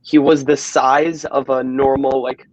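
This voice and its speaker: A man's voice: medium pitch, level tone, a little slow, dull audio. A young man, a social media manager guest, chatting casually in a loose, rambling way. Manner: easygoing, rambling with fillers. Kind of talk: casual chat.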